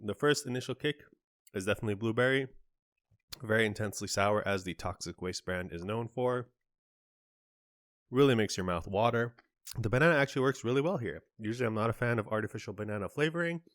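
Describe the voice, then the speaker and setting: Man, low voice, dry close sound, casual taste-test vlog host, detailed flavor talk. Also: brisk, long pauses, a bit bright, no room sound. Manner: chatty, describes flavors in detail with small asides. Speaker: candy reviewer, channel host. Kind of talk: casual on-camera taste review.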